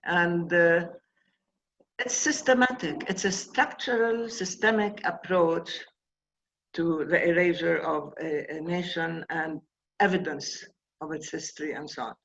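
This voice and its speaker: A woman's voice: fairly low pitch, unhurried, fairly bright tone, highs cut off, a little hiss or hum. An older woman from Palestine, speaking as an interview guest in an emphatic, impassioned way. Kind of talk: interview conversation.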